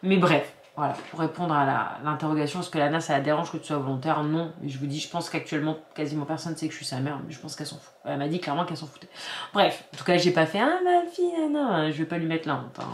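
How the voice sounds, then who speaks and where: A woman's voice: low voice, fairly even intonation, quick pace, slight background noise. A woman from France in her forties, chatting casually as a vlogger at home, rambling with many restarts and fillers. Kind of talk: casual chat. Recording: echoey room.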